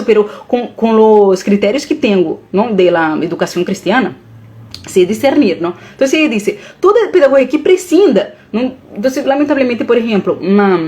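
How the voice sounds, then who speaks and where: Holding forth in a middle-pitched voice on a live stream, a woman drifts between Portuguese and Spanish. Her speech is earnest and animated, and now and then her own words stir her to emotion.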